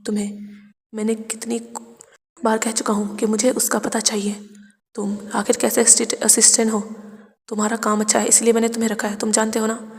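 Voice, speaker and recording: A woman's voice: a little high, monotone, brisk, a little mellow, in a large hall, close to an everyday voice. A woman voicing a cold, stern young male CEO who threatens his assistant, in a storytelling recap. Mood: cold, threatening.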